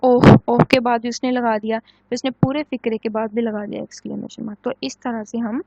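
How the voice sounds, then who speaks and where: A woman teaching English grammar in a recorded online lecture, explaining in Hindi and Urdu, reading English example sentences slowly, and asking the class questions that she answers herself. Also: fairly high pitch, flat delivery, creaky, mellow, no echo, lo-fi sound.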